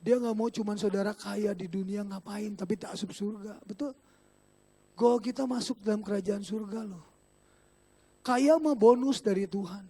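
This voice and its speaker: Man, pastor, Sundanese-inflected Indonesian accent, high voice, animated joking sermon, loud bursts and quiet asides. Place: church service.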